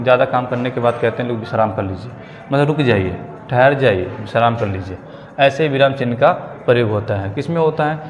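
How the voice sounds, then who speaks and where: A male teacher giving an exam-prep grammar lesson, repeating key phrases slowly and checking in with his students. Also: medium pitch. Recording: long reverb, faint ambient noise.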